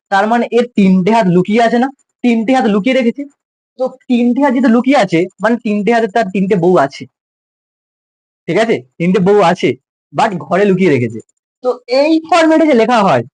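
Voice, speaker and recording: A male science teacher with a West Bengal Bengali accent gives a casual, jokey classroom lecture to school students, treating them like close juniors. His voice sits high, and the low-quality recording has no room sound.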